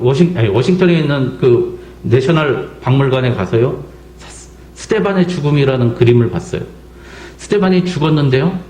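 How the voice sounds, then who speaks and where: A middle-aged South Korean pastor preaches a sermon in an echoey church sanctuary, acting out quotes and putting pointed questions to the congregation. His mid-range voice is mellow, with slight background noise.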